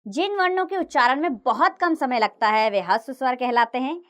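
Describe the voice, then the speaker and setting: A woman teacher narrating a grammar lesson for children, reciting the letters slowly and clearly. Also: high voice. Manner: slow, clear recitation of letters with lively sing-song rises and falls.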